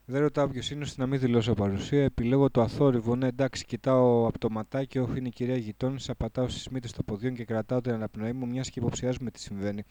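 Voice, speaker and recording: A man's voice: medium pitch, steady tone, hardly any pauses, warm tone, no room sound. A man reading his own surreal first-person story in a casual, slangy way, stopping to correct his lines. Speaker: performer recording a spoken piece.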